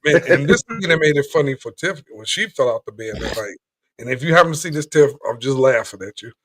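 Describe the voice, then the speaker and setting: A man's voice: mid-range voice, expressive, fast, fairly bright tone. A man co-hosting a talk show, telling a funny story in casual banter and laughing as he goes. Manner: laughs through his stories.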